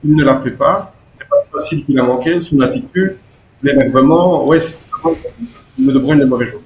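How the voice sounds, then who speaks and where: A man's voice: mid-range voice, a little fast, darkish tone. A man giving a wry but earnest football verdict from a remote connection. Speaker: football pundit. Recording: roomy remote audio with faint noise.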